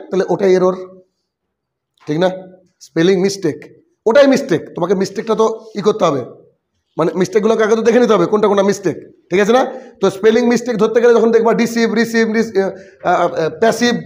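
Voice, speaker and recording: বাংলাদেশি উচ্চারণের একজন পুরুষ ইংরেজি শিক্ষক, যিনি বারবার প্রশ্ন করে আর কথা পুনরাবৃত্তি করে বানানের নিয়ম পড়ান।. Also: male voice, very high voice. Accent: Bangladeshi Bengali. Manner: repetitive, quizzing students with quick questions. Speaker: English teacher. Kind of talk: classroom spelling lesson.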